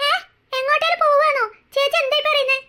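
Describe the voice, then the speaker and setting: A woman's voice: very high-pitched, fairly even intonation, rapid-fire, noisy background. Woman doing a chirpy cartoon little girl. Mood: worried. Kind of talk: cartoon voice acting.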